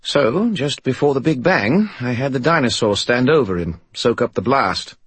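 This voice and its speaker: A man voicing a cheeky, smug spirit that lives in a skull, perky and quick in an audiobook reading. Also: medium pitch, lively intonation, breathy edge, dry recording, voice pushed up. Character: chatty, smug male spirit living in a skull.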